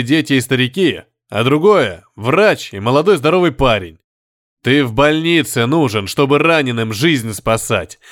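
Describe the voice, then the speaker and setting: A man voicing a tough male convoy driver who barks orders loudly and urgently. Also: a little high, dry recording, studio quality, natural voice. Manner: barking, loud, commanding.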